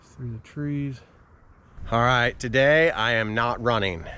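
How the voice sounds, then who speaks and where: A man's voice: medium pitch, takes it slowly, bright, forceful tone, clean tone. A man talking casually to his viewers as a running vlogger while out on a walk outdoors. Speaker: running vlogger and channel host. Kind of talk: casual vlog talk to camera.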